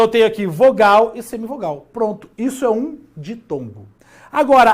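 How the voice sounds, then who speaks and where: A male teacher giving a grammar lesson, stretching key words and asking himself questions as he goes. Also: high-pitched. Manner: animated, drawn-out emphasis on key words, talks to himself.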